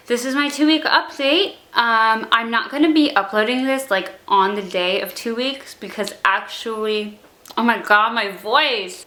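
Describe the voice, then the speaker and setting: A woman's voice: on the high side, bright, forceful tone, reverberant. Young woman slurring after jaw surgery. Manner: rambling, many ums and likes, self-conscious. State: struggling to pronounce words after jaw surgery. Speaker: vlogger. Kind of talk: casual vlog update.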